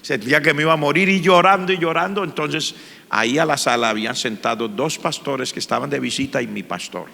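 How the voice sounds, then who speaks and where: A man's voice: fairly high pitch, fairly quick, vocal fry, bright, forceful tone, in a large hall. A man, a pastor telling his personal testimony in church with an earnest, emotional manner. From Colombia.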